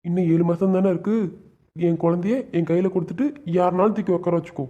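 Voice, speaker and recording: A man's voice: high voice, little pitch movement, fast, warm tone, close to an everyday voice. A man voicing a stern but loving young husband in a cartoon, firm and lecturing. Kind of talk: cartoon web series voice acting. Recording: dull lo-fi sound.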